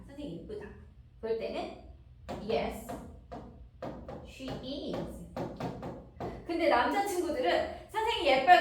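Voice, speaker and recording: A woman teaching English grammar to children in a patient, sing-song way, asking questions and acting out the children's answers. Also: on the high side. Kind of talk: recorded grammar lesson for children. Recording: roomy, distant, faint noise.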